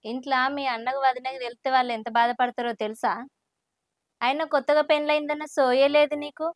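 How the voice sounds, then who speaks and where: A woman's voice: sits high, flat delivery, brisk, no echo, studio quality, close to an everyday voice. A woman playing a young newly married wife who scolds her husband. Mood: scolding. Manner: scolding, hurt. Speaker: newly married wife in a village short film. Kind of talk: village family drama acting.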